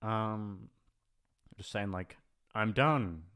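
A man with a lowish, smooth, slightly bright voice draws out his words as he talks without a script. He's an audio channel creator and voice actor recording a casual farewell vlog, rambling, hesitating and thinking aloud in a self-deprecating way.

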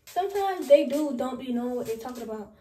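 A woman's voice: sits high, expressive, quick pace, dark tone, echoey room, recorded from a distance, a little hiss or hum. Chatty young woman vlogging from her bedroom. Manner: chatty, playful, slangy, addresses viewers as y'all. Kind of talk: casual vlog chat. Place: small bedroom indoors.

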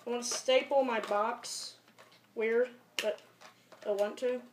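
A young teenage amateur video maker rambles through an improvised tutorial vlog, muttering and swearing in a slow, mid-range voice with fairly even intonation. It's recorded on a camera mic in a small bedroom, and the home recording sounds echoey and noisy.

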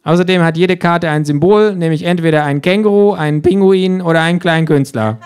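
A man puts on a cheeky storybook kangaroo with a raised, clear, smooth voice. It lectures with sardonic smugness and mocks anyone who asks questions. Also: on the high side, a little fast, a little mellow, pitched above the performer's own voice, natural voice. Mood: smug lecturing. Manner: smug, lecturing, mocking. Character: cheeky know-it-all talking kangaroo, sardonic. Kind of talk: audiobook-style rules narration.

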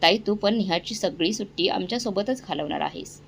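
A woman's voice: medium pitch, a little fast, vocal fry, a little hiss or hum, lightly acted. A woman voicing a remorseful young man pleading emotionally with his family.

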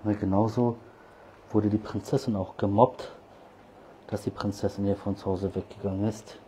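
Lower-voiced man coaxing cats. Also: little pitch movement, moderate pace, warm tone, a little hiss or hum. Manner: coaxing and scolding street cats, rising pitch when calling them. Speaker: cat feeder and channel host. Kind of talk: casual talk to cats while feeding.

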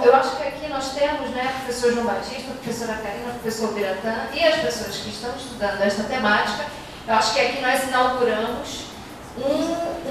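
Woman with a formal remark in an echoey hall. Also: high-pitched. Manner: measured, formal. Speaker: audience member commenting. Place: large lecture hall, indoors. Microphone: handheld mic. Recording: echoey hall, distant noisy mic.

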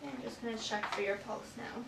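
Captured by a far camera mic in an echoey little clinic exam room with background noise, a young woman talks quickly in a slightly high, level, creaky voice. She is role-playing a nurse from a script, courteously walking a patient through the assessment steps.

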